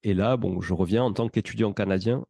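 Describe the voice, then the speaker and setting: Guy in his 30s w/ a toulouse accent, low gravelly voice, rambling through his story, dry close sound. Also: a little fast, no echo. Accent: Toulouse French. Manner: relaxed, rambling, many fillers and restarts. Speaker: podcast guest. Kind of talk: casual conversational storytelling.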